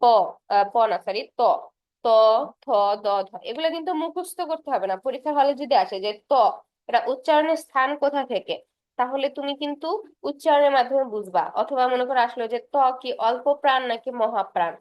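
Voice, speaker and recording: A woman's voice: high-pitched, lively intonation, quick pace, no echo, highs cut off. A young woman teaching a casual exam-prep lesson, patiently repeating terms and sketching as she explains. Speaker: tutor for university admission exams.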